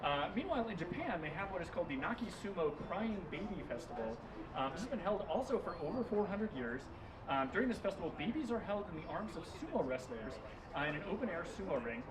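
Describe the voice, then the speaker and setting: A man's voice: high voice, big pitch swings, fast talker, a loud crowd. A man hosting a live evening event, presenting in a lighthearted, wry way before introducing the next speaker. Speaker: event host. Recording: roomy, distant, noisy live venue.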